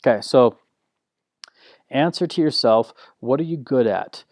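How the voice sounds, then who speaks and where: Slow, low-key man teaching a course. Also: expressive, a little mellow, dry recording, clean studio sound. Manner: frequent restarts and filler words. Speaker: online course instructor. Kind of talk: recorded course lesson.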